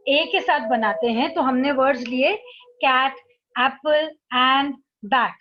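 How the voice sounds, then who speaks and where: A woman teacher with a high voice speaks at a slow, careful pace as she explains a textbook lesson. She reads the English lines out deliberately and then explains them in Hindi. The recording is dull and lo-fi.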